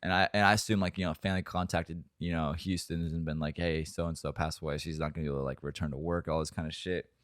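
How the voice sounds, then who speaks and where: A man's voice: rumbling low, steady tone, quick pace, hardly any pauses, no room sound, studio quality. A young man co-hosting a podcast, telling a long story in a rambling, profane, laughing way. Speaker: podcast co-host. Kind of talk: casual storytelling chat.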